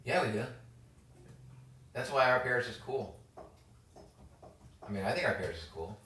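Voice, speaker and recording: A man's voice: medium pitch, expressive, moderate pace, sharp tone. A man co-hosting a casual chat as a priest, joking and teasing. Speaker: priest co-host. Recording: echoey room, mic at a distance.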